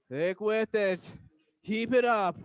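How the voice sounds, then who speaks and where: Male aerobics instructor, very high register, driving and motivational cueing, dry sound. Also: takes it slowly, clear, resonant tone, no echo, highs cut off. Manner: energetic, motivational aerobics instructor calling out cues and countdowns. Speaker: aerobics instructor leading a workout class. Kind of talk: fitness class coaching, counted cues.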